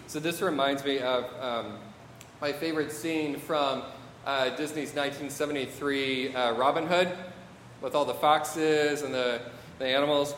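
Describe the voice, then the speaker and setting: A man's voice: medium pitch, fairly even intonation, unhurried, fairly bright tone, slight background noise. A man preaching a sermon, reading scripture and adding wry, modern asides. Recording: echoey hall with long reverb, faint ambience.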